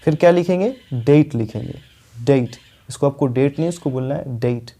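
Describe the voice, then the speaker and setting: A man's voice: mid-range voice, moderate pace, mellow. A young man with an Indian accent teaching a spoken English lesson, explaining step by step and often checking with "ठीक है".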